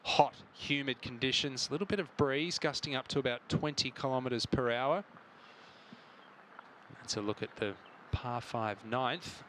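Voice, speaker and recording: Male golf commentator, mid-pitched voice, live broadcast delivery, noticeable outdoor noise behind. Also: normal speed, fairly bright tone.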